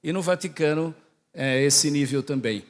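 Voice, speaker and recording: In a large, echoing hall with long reverb, a man from southern Brazil delivers a didactic religious talk as a priest, frequently posing questions to the audience and checking in with them. He has a Santa Catarina accent close to Portuguese and speaks at a moderate pace in a fairly high voice.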